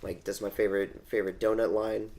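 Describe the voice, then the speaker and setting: A man's voice: lowish voice, flat delivery, fast, creaky, mellow, slight background noise. A man co-hosting a casual fan podcast, talking eagerly and quoting favorite lines with gusto. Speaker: podcast co-host.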